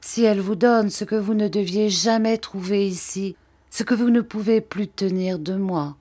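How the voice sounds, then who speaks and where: A woman's voice: medium pitch, moderate pace, mellow, natural voice. A woman voicing a devout, wounded noblewoman who pleads solemnly in an audiobook reading. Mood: tearful forgiving.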